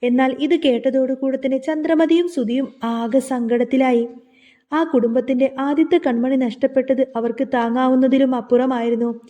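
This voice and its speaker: A woman with a high, mellow voice retells a television serial episode. She narrates steadily and slips the characters' quoted lines into the flow in her own voice. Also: steady tone, moderate pace, long reverb tail, muffled recording.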